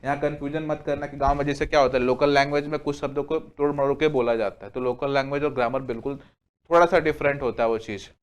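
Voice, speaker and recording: A young man teaching a Hindi grammar lesson, asking questions and answering them himself, saying "okay" again and again, and listing examples slowly word by word. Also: medium pitch, fairly even intonation. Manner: asks the class questions and answers them himself, repeats "ठीक है" often. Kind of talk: exam-prep grammar lesson.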